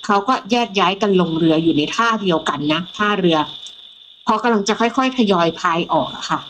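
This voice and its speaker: A middle-aged woman from Thailand tells a ghost story from her own life in a lively way. She acts out the voices of the people in it. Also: medium pitch, a little fast, a little hiss or hum, poor audio. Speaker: guest storyteller.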